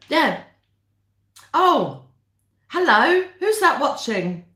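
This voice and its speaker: A British-accented woman with a high-pitched voice that sounds pushed and bright hosts a casual livestream. She chats with viewers while eating dinner mukbang-style, and the room is echoey.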